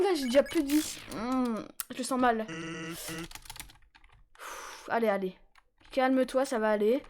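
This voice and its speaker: Very high-pitched playful woman streamer. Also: slight background noise. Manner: playful, joking, excitable with sudden yelps. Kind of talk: casual live-stream chat while gaming. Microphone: headset.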